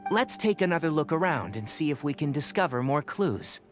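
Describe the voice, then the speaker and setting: An actor playing a calm, learned young male forest ranger and mentor in a video game, speaking in a measured, articulate way. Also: on the high side, over music. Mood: thoughtful, explanatory. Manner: measured, articulate, scholarly explaining. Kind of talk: scripted video game voice acting.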